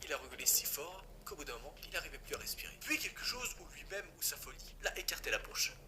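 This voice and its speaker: A man's voice: on the high side, very animated, quick pace, noisy background. A man from France telling a horror story casually, cracking jokes and swearing in asides to the viewer. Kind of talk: casual creepypasta narration. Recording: music playing behind.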